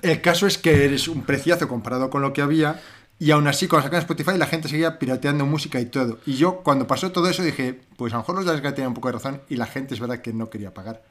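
A man co-hosting a podcast, chatting casually and telling stories with mocking quoted voices. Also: medium pitch. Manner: fast, animated storytelling with mocking quoted voices. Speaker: podcast co-host. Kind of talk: casual chat.

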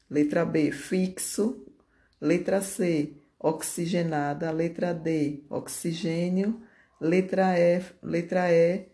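A teacher correcting homework exercises aloud, reading answers slowly and deliberately and stretching out key words. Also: medium pitch, gravelly, a little mellow.

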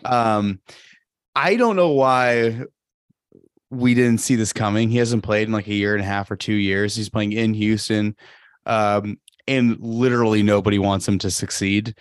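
A man's voice: lowish voice, unhurried, dry recording, studio quality. A man co-hosting a casual sports podcast, jokey and teasing, laughing between points. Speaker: podcast co-host.

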